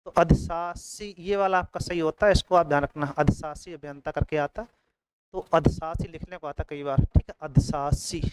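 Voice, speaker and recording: A man's voice: a little high, steady tone, normal speed, slight background noise, rough recording. A man teaching an exam coaching lesson, repeating each word and often checking in with his students.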